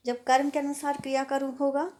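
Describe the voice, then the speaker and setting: A woman teacher goes through a Hindi textbook lesson at an unhurried pace. Her voice sits a little high, and she explains patiently, pausing with small fillers and walking through one example after another. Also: little pitch movement, darkish tone.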